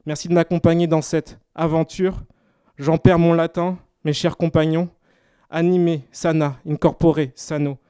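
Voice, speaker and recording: A man's voice: a little high, flat delivery, a little slow, mellow, smooth, no room sound, clean studio sound. A man from Paris with a Parisian French accent, performing rhymed slam poetry at a live exhibition opening. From France, Paris. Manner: rhythmic rhymed spoken-word delivery. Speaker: slam poet.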